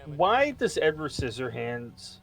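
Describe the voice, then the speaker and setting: A man's voice: on the high side, sing-song, slow, vocal fry, a crowd in the background. A man co-hosting a podcast in casual chat, rambling as he reads his notes aloud. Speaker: podcast co-host.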